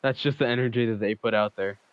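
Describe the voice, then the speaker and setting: A man's voice: medium pitch, fairly even intonation, fast, smooth, dry recording, dull audio. A man streaming a game, joking and mocking himself as he comments on what he reads. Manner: joking, self-mocking asides. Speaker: gaming streamer. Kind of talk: casual commentary while reading a game aloud.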